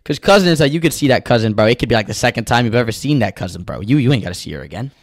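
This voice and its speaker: Male podcast co-host. Blunt, slangy banter, mid-pitched, recorded close and dry. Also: expressive, very fast, no room sound. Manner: slangy, blunt, repeats phrases for emphasis. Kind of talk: casual banter, reading out anonymous confessions. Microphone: close podcast microphone.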